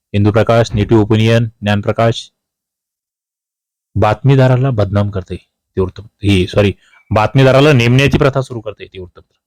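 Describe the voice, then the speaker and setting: A man's fairly low, darkish voice, heard without echo, delivers an exam-prep history quiz in a Maharashtrian accent. Talking to students, he is emphatic, going back over key questions and answers and adding colloquial asides along the way.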